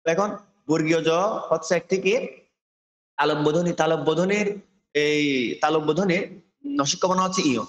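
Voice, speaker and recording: Male teacher on a video call, patient, drills each sound, voice a bit high. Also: steady tone, normal speed, pauses often. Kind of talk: online class lesson.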